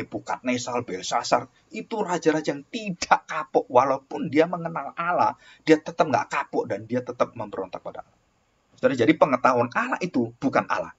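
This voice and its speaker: A man preaching a sermon, emphatic, swinging between loud exclamations and low asides. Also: husky. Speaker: pastor. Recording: dull lo-fi recording.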